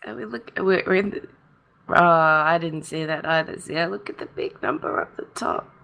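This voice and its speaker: A woman co-hosting a casual podcast, her voice husky from feeling a bit unwell, chatty and quick to giggle. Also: deep voice, pushed and bright. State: husky, a bit under the weather. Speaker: co-host.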